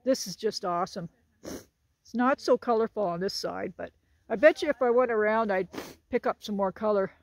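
Walking outdoors on a hilltop trail with her group, a vlogger in her sixties chats to the phone she's holding. Her voice is medium-pitched at normal speed, lively with jokes and laughter, with no room sound.

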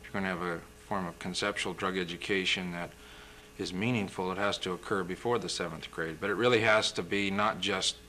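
A young man with a low voice and a bright, forceful edge explains things in a steady, measured way as a studio interview guest. A faint hiss of old TV film sits under his voice. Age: young adult. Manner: measured, explanatory, occasional throat-clearing. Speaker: physician guest. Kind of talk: interview answers.

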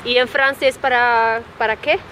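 A woman's voice: a little high, steady tone, moderate pace, bright, forceful tone. A woman, a vlog host chatting casually outdoors with friends and laughing often. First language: Russian. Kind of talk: casual chat. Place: city street outdoors. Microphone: handheld camera at arm's length. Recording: street noise behind.

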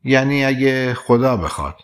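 A man voicing a gentle young woman who has lost her memory, speaking softly and teasingly in an audiobook. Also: medium pitch, lively intonation, lightly acted.

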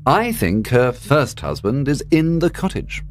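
A man voicing a clever male detective who lays out his theory in a measured, explanatory way, with soft music behind. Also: mid-range voice, very animated. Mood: explaining. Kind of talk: audiobook drama reading.

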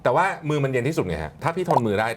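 A man's voice: mid-range voice, very animated, racing, noisy background. A man giving casual, reassuring instructions as a coach, often repeating his phrases. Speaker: ice bath coach. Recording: background music under the voice. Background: music.

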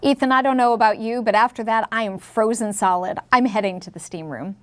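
A woman's voice: on the high side, a little fast. A woman co-host reading scripted narration about spa treatments in a presenter style.

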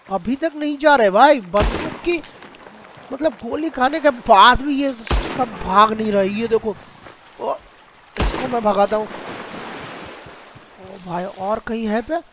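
A high-voiced man with a Hindi-speaking Indian accent commentates his gameplay live, excitable and chatty as he calls out to viewers. Game sounds and ambience run clearly behind him. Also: slow pace, pauses often, slight background noise. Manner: excitable, addresses viewers as guys.

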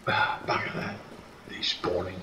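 A man's voice: a little slow, echoey room, noisy background. A man giving casual gameplay commentary, muttering and grumbling dryly to himself.

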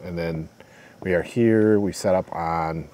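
A man with a very low, deep voice hosts a casual travel vlog. He is chatty and joking and often talks over his partner. His voice is on a clip-on mic, with faint noise behind it. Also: a little slow, warm tone. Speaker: vlog host.

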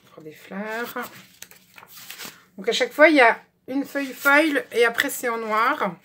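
A woman's voice: a little high, a little slow, bright, forceful tone. A woman chatting casually through a craft shopping haul, showing items one by one with lots of fillers. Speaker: craft vlogger. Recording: faint background noise with clicks.

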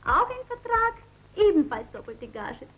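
A gentle young singer and mother in a 1939 film drama, speaking with a high, lilting voice that rises and falls brightly. Cheerful and soft-spoken. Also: big pitch swings, a little slow, a little hiss or hum, exaggerated voice, poor audio. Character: warm young female singer, hopeful mother.

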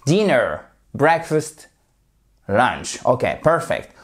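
A man, an English teacher, giving an online language lesson in a playful way. He stretches out words slowly for pronunciation drills and swings his voice high and low for emphasis. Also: animated, a little mellow. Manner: jumps between high and low tones for emphasis.

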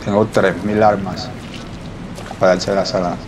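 A young man mutters his way through a game, swearing under his breath and puzzling aloud. His voice sits low and stays flat. Loud game sound plays behind him in a small room at home. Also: moderate pace, background noise. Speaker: gameplay streamer. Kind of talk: casual let's-play commentary.

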